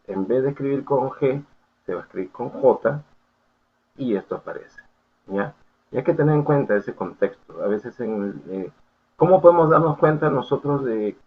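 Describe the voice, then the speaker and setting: Male lecturer, patient and explanatory, keeps checking students follow; lowish voice, tinny lo-fi recording. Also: slightly rough. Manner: explanatory, full of checking questions and fillers. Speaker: university lecturer. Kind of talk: academic lecture. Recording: tinny phone-like audio.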